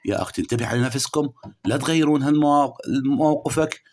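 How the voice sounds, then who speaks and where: A man with an Iraqi Arabic accent giving a spiritual horoscope reading to the listener in a preachy, scolding way, jumping between loud emphatic bursts and low murmurs. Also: fast talker. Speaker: spiritual astrology reader. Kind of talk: direct-address horoscope reading.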